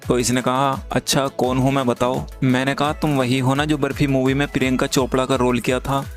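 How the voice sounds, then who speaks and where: Flat-voiced man narrating a chat. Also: mid-range voice, brisk. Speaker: channel host. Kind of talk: screen-recorded chat walkthrough. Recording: faint background music.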